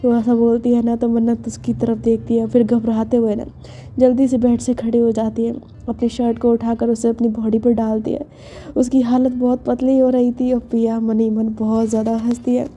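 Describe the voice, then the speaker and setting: A woman's voice: fairly high pitch, little pitch movement, normal speed, mellow. A woman casually narrating a romance story in an intimate, chatty way with many fillers.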